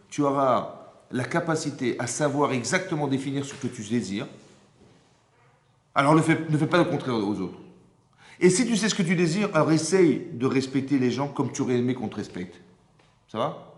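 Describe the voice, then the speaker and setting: A man, a rabbi, giving an informal Torah lesson, animated and often checking with his audience through rhetorical questions. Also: medium pitch. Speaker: rabbi teaching a class. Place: synagogue hall. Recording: roomy hall echo.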